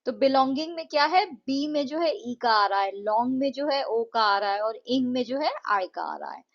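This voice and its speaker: A woman with an Indian accent teaching an English lesson in an explanatory way. She reads the English lines slowly and deliberately, then explains them more quickly. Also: high-pitched, expressive, gravelly. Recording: dull lo-fi recording.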